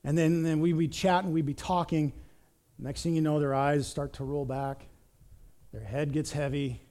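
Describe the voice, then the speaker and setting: Male pastor, sermon, high voice, animated storytelling, repeats words. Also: normal speed.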